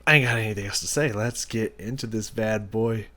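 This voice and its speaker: A man's voice: lowish voice, fairly quick, bright, forceful tone. A man chatting casually as a reaction host, slangy and sweary, with a slightly thin voice as he gets over a cold. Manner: laid-back, slangy, sweary. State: getting over a cold, throat-clearing. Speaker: music reaction channel host. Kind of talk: casual chat, album reaction intro.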